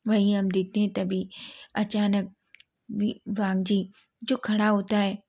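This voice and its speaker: A woman narrating a romantic fan fiction story in a steady, even reading. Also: mid-range voice, a little slow, gravelly.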